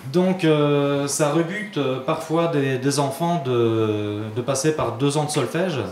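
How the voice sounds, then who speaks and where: In an indoor studio, a man interviewed as a guitar teacher explains things casually and informally. He speaks slowly in a high-leaning voice with a darkish tone, and the recording has roomy echo plus clear background noise.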